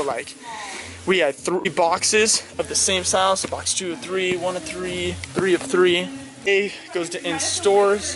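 A young man chatting casually in a garage, calmly explaining how the clothing boxes are labeled. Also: high-pitched, rough recording. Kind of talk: casual chat.

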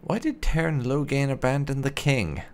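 A game streamer doing a roleplay playthrough gives casual commentary and reads dialogue choices aloud. His medium-pitched voice is unhurried, and his manner is musing, understated, and polite, with crowd noise in the background.

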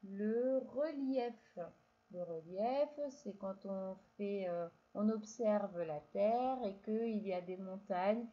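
A primary school teacher with a medium-pitched voice teaches young children a reading lesson, speaking slowly and patiently, stretching out syllables and addressing the child directly. The recording is muffled.

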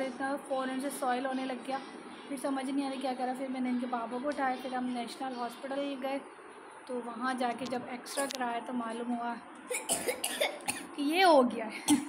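A woman's voice: high voice, background noise. A young woman and mother chatting casually in a home vlog, talking in a loose, repetitive way. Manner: chatty, repeats herself, fills with "jo hai na". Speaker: vlogger and mother.

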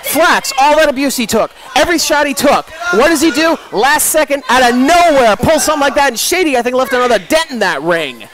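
A man doing joking, excitable wrestling commentary. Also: very high-pitched, brisk, hardly any pauses. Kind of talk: play-by-play commentary.

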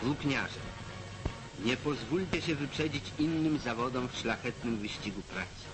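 A man's voice: medium pitch, rough recording. Man narrating an old newsreel over music. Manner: measured, declamatory, exhorting listeners. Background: music score under the voice.

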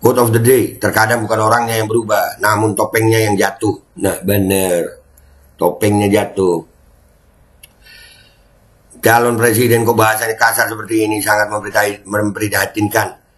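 A man's voice: fairly low pitch, little pitch movement, normal speed. A middle-aged man from Indonesia, ranting and mocking in casual political commentary. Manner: mocking, sarcastic, jeering.

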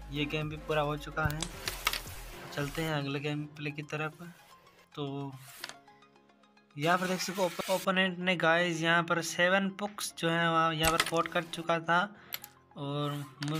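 A man's voice: a little high, level tone, normal speed. A man hosting a gaming channel, talking casually through each shot of a mobile carrom match and calling the viewers "guys". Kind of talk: casual gameplay commentary. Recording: game music loud behind the voice.

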